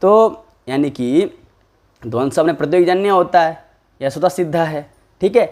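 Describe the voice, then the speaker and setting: A man teaching a classical text, reading lines slowly and often asking his listeners if they follow. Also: on the high side, darkish tone. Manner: questions the listeners often and checks with "ठीक है?"; reads lines slowly, then explains them quickly. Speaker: Sanskrit teacher explaining a logic text. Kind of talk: lecture.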